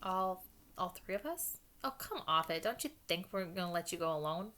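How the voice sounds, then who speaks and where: A woman's voice: on the low side, animated, normal speed, pushed and bright. Woman doing cheeky schoolboy, blunt and teasing, storybook read-aloud.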